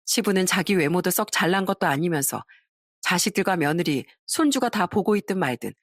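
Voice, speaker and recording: A woman's voice: lowish voice, lively intonation, brisk, no room sound, clean studio sound. Woman narrating a family story. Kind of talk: scripted first-person story narration.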